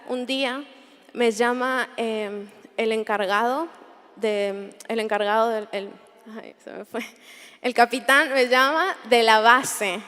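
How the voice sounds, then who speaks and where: A woman's voice: a little high, fairly bright tone. A young woman, giving an earnest personal testimony at a Bible conference, often repeating phrases as she searches for words. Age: 20s. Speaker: conference speaker. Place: large hall. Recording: long hall reverb.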